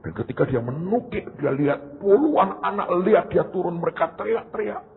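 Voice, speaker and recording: Animated male pastor. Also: high voice, brisk. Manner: animated, addresses listeners as "saudara". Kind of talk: storytelling sermon. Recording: tinny phone-like sound.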